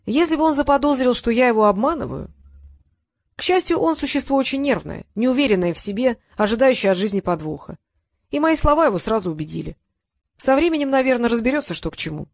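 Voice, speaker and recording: An unflappable old male wizard explains things to his pupil in a calm, lecturing way, as a woman reads him. His manner is dry and matter-of-fact. The recording is close and dry. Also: on the high side, fast talker, no echo. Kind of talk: audiobook character reading.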